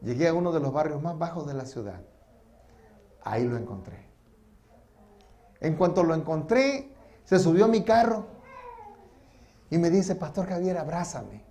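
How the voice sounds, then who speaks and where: A male pastor telling a story in a church sermon, swinging between loud and hushed delivery. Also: a little high, animated, a little slow, long pauses, a little hiss or hum.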